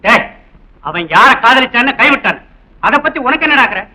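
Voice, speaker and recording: Strict cop dad, high bright voice, bossy and scolding, old film sound. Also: male voice, animated, brisk, full character voice. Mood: stern, angry. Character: stern middle-aged policeman father. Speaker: police constable. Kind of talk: 1960s film melodrama acting. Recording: dull old film soundtrack, faint music.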